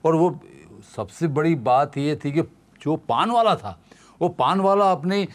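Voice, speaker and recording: Animated man telling a story. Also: on the high side, unhurried. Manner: animated, acts out quoted voices. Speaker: guest actor. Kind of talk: casual storytelling anecdote.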